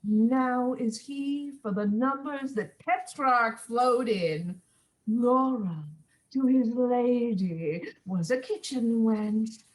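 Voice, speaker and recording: A woman's voice: on the high side, takes it slowly, rough recording. A woman playing a witty, mocking young nobleman, giving the verse a theatrical, teasing delivery. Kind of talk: Shakespeare stage reading.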